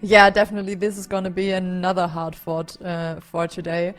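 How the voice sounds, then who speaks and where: A woman's voice: lowish voice, level tone, fairly quick, soft background music. A woman co-casting a live esports stream, upbeat, with many "uh" fillers. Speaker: esports co-caster.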